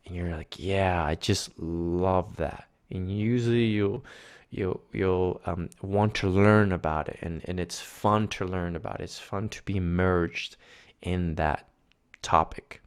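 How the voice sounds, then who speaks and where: Deep-voiced Argentine-born man, soft and earnest. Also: unhurried, clear, resonant tone. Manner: soft, earnest, gently encouraging. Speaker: guest, spiritual mentor. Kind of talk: reflective conversation.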